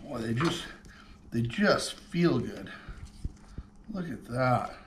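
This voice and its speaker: A man's voice: medium pitch, lively intonation, takes it slowly, a little hiss or hum. A man in his forties hosting a cooking show, chatting enthusiastically to viewers as he cooks in a kitchen. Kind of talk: casual cooking demonstration. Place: home kitchen studio, indoors.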